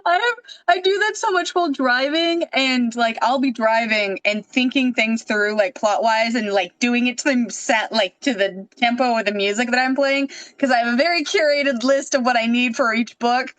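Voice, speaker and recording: A woman's voice: fairly high pitch, normal speed, fairly bright tone, dry recording. A woman hosting a casual interview on a video call, talking in a rambling way full of fillers like "like" and "uh". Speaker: host.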